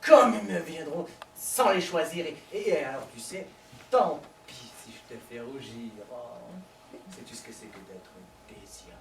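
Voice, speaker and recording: A man's voice: on the high side, lively intonation, a little slow, slight background noise. A male stage actor playing a lovesick man who pleads with his lover over the phone, talking theatrically and stammering in a live comedy performance. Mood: tender. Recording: echoey stage recording from far off.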